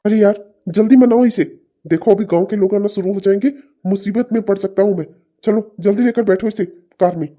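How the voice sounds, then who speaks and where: A man voicing a sleazy, nervous male kidnapper in a cartoon who coaxes smoothly and then hurries. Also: high-pitched, warm tone, lightly acted. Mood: hurried, rough. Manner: smarmy and coaxing, then hurried. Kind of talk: cartoon voice acting.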